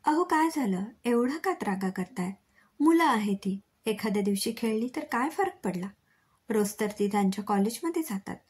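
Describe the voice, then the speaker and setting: A woman voicing a caring middle-aged mother and wife in a storybook reading, with a breathy voice. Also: a little high, animated, normal speed. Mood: coaxing.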